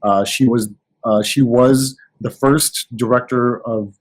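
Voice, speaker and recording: A man in casual podcast chat, telling anecdotes with animated restarts. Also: medium pitch, slow, poor audio. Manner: storytelling, animated, many restarts. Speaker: podcast guest.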